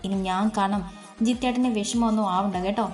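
A woman's voice: medium pitch, fairly even intonation, fairly quick, darkish tone, faint music behind, natural voice. A woman voicing a worried young wife who speaks in a pleading, tearful way. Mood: anxious.

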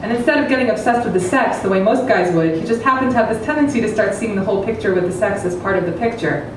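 A woman in her thirties reads satirical fiction dramatically on the stage of a small event room before an audience, talking fast in a mid-range voice. She speaks at a literary event into a table microphone on a stand, which sits at a distance. The hall is very echoey and the recording is noisy.

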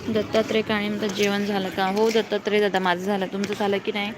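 Young woman reading viewer comments on a phone live stream outdoors; clear traffic and street noise. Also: medium pitch, little pitch movement, fast. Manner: reads comments aloud and answers viewers. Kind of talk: casual live-stream chat. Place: outdoors below a housing block at night.

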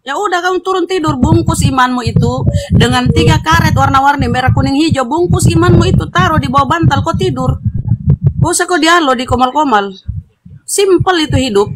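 A woman's voice: high-pitched, a little fast, slight background noise. A woman hosting an online interfaith debate, lecturing and scolding her opponent, repeating herself for emphasis. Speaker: host of an interfaith debate room.

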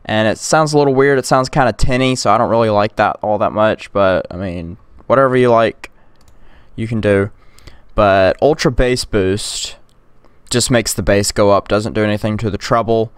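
A man's voice: on the low side, moderate pace, smooth, dry recording. A young man casually walking through a tech tutorial, rambling with lots of "like" and "um". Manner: rambling, filler-heavy, drops to whispers and yells in demos. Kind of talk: casual screen-recorded tutorial. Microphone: close USB condenser mic.

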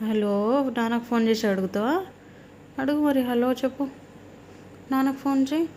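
A woman's voice: on the high side, steady tone, moderate pace, darkish tone, a little hiss or hum. A young mother, playfully coaxing and teasing her toddler at home at night in sing-song baby talk.

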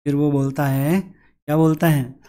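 A man's voice: on the high side, little pitch movement, dark tone. A male teacher explaining an online worksheet lesson step by step, asking and answering his own questions. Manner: slowly sings a children's rhyme line by line. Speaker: English teacher.

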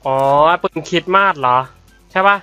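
A man's voice: fairly high pitch, moderate pace, pushed and bright, smooth, no echo. A young man casually commentating his online game, chatty and swearing loosely, his voice a little worn from being unwell. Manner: chatty, swears casually, frequent polite particles. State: slightly unwell voice. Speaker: gaming YouTuber. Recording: dull lo-fi audio with game music.

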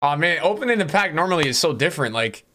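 Higher-voiced young frat-bro streamer guy. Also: animated, fast talker, bright, forceful tone. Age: young adult. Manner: frat-bro slang, calling listeners bro, dude and man. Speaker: game streamer. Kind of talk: casual livestream chat while opening game packs. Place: small room indoors.

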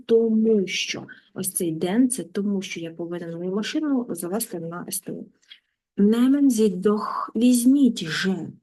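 Mellow-voiced woman teaching German. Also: medium pitch. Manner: reads German phrases slowly, then translates. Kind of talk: language lesson.

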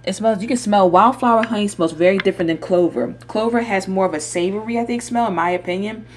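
A young woman with a mid-pitched voice talks casually to a handheld camera. She thinks aloud in informal, slangy phrases. The home kitchen recording has clear background noise. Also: quick pace. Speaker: vlogger. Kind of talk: casual chatty food vlog. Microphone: handheld camera at arm's length.

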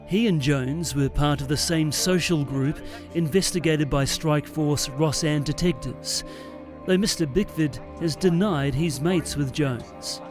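A man reading a scripted news voice-over in a measured, formal delivery. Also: fairly high pitch, over music. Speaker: news narrator.

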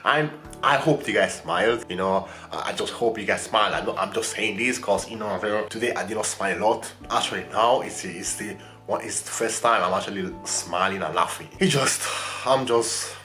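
A young man talks to his viewers in a rambling, playful, affectionate way, repeating the same phrases as he goes. His voice sits fairly low. The room around him rings with a noticeable echo. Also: fairly quick, bright, forceful tone, faint music behind. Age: young adult. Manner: rambling, repeats "you know what I'm saying", playful and affectionate. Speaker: vlogger. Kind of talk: casual vlog chat. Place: bedroom during lockdown.

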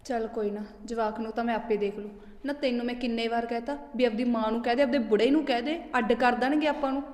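An actress playing a resentful young pregnant wife who snaps and scolds defiantly. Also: female voice, fairly high pitch, steady tone, fast, a little mellow, reverberant, long reverb tail, natural voice. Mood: angry. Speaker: daughter-in-law.

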